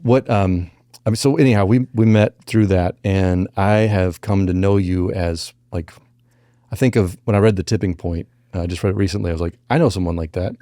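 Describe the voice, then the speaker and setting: Man, podcast host, very deep voice, dark and mellow, jokey rambling chat. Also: steady tone, a little fast, no echo, clean studio sound. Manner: rambling, jokey, laughs often. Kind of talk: casual podcast interview.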